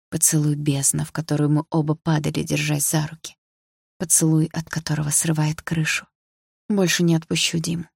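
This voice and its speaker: Low gravelly woman reading an audiobook. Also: darkish tone, no room sound, studio quality. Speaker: audiobook reader. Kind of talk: scripted first-person narration.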